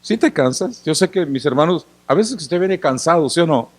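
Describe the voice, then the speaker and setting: A tired male pastor, worn out from working in the sun, preaches in a conversational way with a higher-pitched, expressive voice and a slightly quick pace. He frequently puts questions to the congregation and acts out little scenes with gestures.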